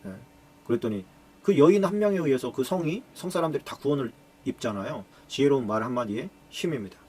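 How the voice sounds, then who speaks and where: A male pastor giving a Bible study lecture, telling stories with lively acted-out quotes. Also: mid-range voice, fast, a little hiss or hum. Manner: animated storytelling, acting out quoted lines.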